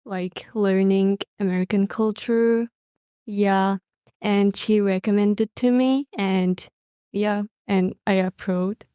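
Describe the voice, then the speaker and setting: Teen girl with a Mongolian accent, slow, halting answers, smooth voice, dry sound. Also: medium pitch, steady tone, dark tone, no room sound. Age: teens. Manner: hesitant, searching for words. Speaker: exchange student guest. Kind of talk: casual podcast interview.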